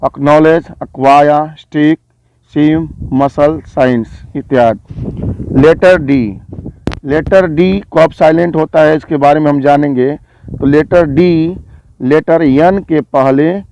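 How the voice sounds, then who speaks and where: A man teaching English spelling rules at a very unhurried pace, pausing after each example word. His voice is mellow and fairly high for a man, recorded dry and close with no room sound. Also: dry recording. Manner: slow, list-like, measured reading of word examples. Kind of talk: slow scripted explainer.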